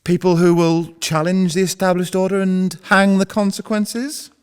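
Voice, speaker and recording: A man's voice: sits high, level tone, normal speed, smooth, lightly acted. An actor playing an earnest, hesitant 1920s male broadcasting manager in an amateur radio play, stammering at the start of his lines. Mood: persuasive.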